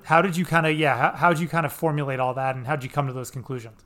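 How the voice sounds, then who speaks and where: A man's voice: fairly high pitch, rapid-fire, fairly bright tone. Easygoing man hosting a podcast. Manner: easygoing, moderating, rambling with fillers. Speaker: podcast host. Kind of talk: casual sports podcast chat.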